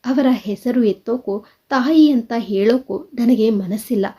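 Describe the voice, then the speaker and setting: A woman's voice: a little high, normal speed, warm tone, breathy edge. A woman voicing a young woman who is a stubborn, devoted daughter, speaking in a pleading way, in a dull lo-fi recording.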